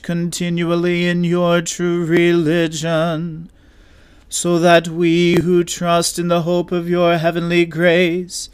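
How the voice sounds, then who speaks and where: A man leading worship, chanting liturgical prayers in a slow, measured sung recitation. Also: high voice, smooth, dry recording. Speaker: worship leader.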